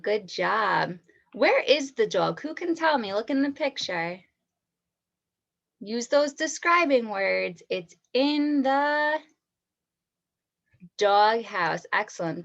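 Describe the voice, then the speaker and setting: A woman teacher leads an online read-aloud for young children, speaking slowly and clearly. Her voice sits a little high, and she keeps asking questions and praising every answer. The sound through her computer mic is dull and lo-fi.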